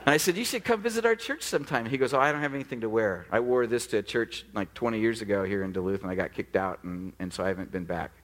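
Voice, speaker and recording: A middle-aged man, a pastor, preaching a sermon with animated storytelling and acted-out dialogue. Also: lowish voice, fast, few pauses.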